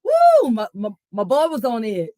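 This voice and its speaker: A woman's voice: medium pitch, lively intonation, measured pace, mellow, no room sound. A woman co-hosting a gospel podcast, who laughs often and chimes in playfully. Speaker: podcast co-host. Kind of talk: casual chat.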